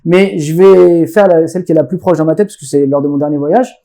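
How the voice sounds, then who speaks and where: Man, from France, podcast guest, rapid casual storytelling, restarts, acted-out dialogue. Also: on the high side. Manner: animated, many restarts, acts out quoted dialogue.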